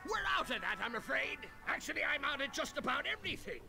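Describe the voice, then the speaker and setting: An actor voicing a jolly, melodramatic pirate captain in a cartoon adventure game, with a stage pirate accent and a gravelly, grandiose delivery. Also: male voice, very high voice, very animated, fast talker, full character voice. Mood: hearty, defensive. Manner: theatrical, grandiose, swooping exclamations. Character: jolly, melodramatic old pirate captain running a chicken restaurant. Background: music.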